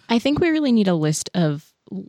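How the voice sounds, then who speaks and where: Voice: mid-range voice, sing-song, moderate pace, a little mellow, dry recording, studio quality. A student joking in casual banter with friends. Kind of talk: casual chat.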